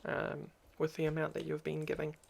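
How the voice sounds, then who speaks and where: A YouTuber's crackly, gravelly voice sits at medium pitch and stays monotone while moving fairly quickly. Talking to camera in a personal vlog, they sound subdued and hesitant and say um a lot.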